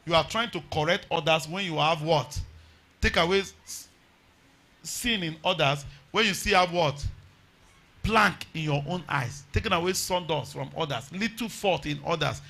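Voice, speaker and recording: A man's voice: a little high, moderate pace, vocal fry, bright, forceful tone. A man with a Nigerian accent preaching a revival sermon, exhorting emphatically with repeated phrases and rhetorical questions.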